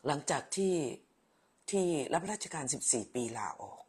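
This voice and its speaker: ผู้หญิงวัยกลางคน อดีตครู คุยไลฟ์สดอ่านคอมเมนต์ผู้ชม พูดแบบแม่ๆ ชอบแซว พูดซ้ำคำ. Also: female voice, low-pitched, expressive, moderate pace, darkish tone, slightly rough. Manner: chatty, motherly, teasing, repeats words. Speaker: livestream host, former teacher. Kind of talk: casual live chat reading viewer comments.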